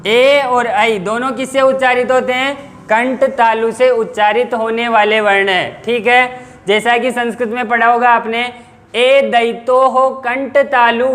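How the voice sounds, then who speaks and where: A man's voice: extremely high pitch, fairly bright tone. A male teacher giving an exam-prep grammar lesson, explaining step by step and asking and answering his own questions.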